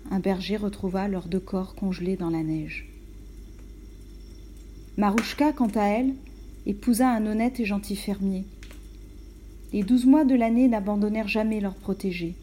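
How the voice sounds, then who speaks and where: A woman narrating a fairy tale in a calm storyteller delivery, dropping into hushed whispers at times. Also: mid-range voice, a little hiss or hum.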